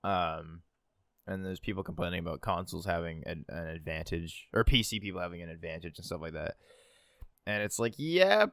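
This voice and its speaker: A man's voice: low voice, fairly bright tone, clear, resonant tone, no echo, clean studio sound. A man co-hosting a podcast in casual chat, rambling with lots of fillers and laughing at himself. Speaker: podcast co-host.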